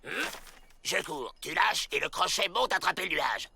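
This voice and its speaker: A man's voice: high-pitched, lively intonation, normal speed, vocal fry. A man voicing a brash, short-tempered outlaw leader in a cartoon, who barks orders. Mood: scheming. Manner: bossy, shouting orders. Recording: cartoon dub with loud music.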